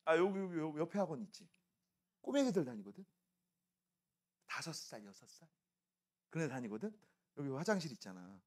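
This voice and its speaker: A middle-aged man teaching a science class, telling animated stories and throwing in chatty rhetorical questions. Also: a little high, brisk, long pauses. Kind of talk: classroom lecture.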